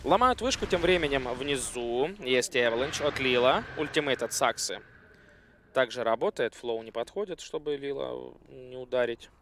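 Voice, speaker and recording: A man's voice: medium pitch, animated, moderate pace, fairly bright tone, slight background noise. A man giving live analytical game commentary, explaining plays in a slightly hesitant way. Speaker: esports commentator.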